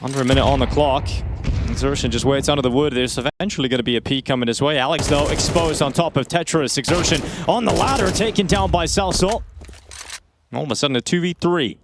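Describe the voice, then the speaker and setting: A man calling live esports play-by-play on a headset mic, quick and excitable, rising on the big plays. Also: mid-range voice, background noise. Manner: fast, excitable calls that rise on big plays. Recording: game sound effects behind the voice. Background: game gunfire and effects.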